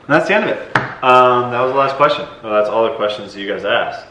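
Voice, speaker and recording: Quick and sharp-toned, this mid-range male voice belongs to a young decathlete hosting a relaxed question-and-answer vlog. His delivery is loose and halting, packed with fillers, and the room sounds echoey with a little noise.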